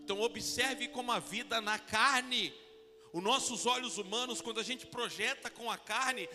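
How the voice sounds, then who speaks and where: A man in his forties, a pastor preaching a sermon, halting with fillers and restarts and acting out quoted lines. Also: very high voice, sharp tone, long reverb tail. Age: 40s.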